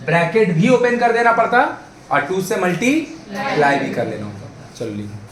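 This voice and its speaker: Very animated and high-voiced, a man teaches a math class in a Hindi-English mix at normal speed, a crowd audible behind him. He coaxes students with questions, calling them babu and bhai, in an echoey room with a far-off mic and faint background noise.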